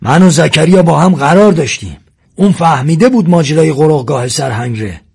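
A man voicing a weary grown man who speaks earnestly with a raised voice and a husky tone. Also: on the high side, expressive, voice pushed up, heavily acted.

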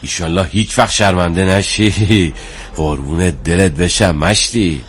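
An actor playing a younger bazaar shopkeeper in a drama, bargaining but good-hearted, colloquial and courteous. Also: male voice, sits low, a little hiss or hum, lightly acted. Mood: haggling. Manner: colloquial, street-wise, courteous.

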